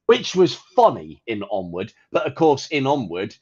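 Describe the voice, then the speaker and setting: A man co-hosting a podcast, chatting casually and profanely about games with an animated, ranting manner. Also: mid-range voice, normal speed, husky, muffled recording. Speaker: podcast co-host. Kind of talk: casual gaming chat.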